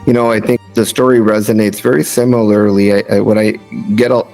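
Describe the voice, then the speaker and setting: A man's voice: fairly low pitch, flat delivery, a little fast, creaky, a little mellow, soft background music, low-quality recording. A man, a physician guest on a podcast, speaking reflectively and searching for words. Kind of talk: casual interview.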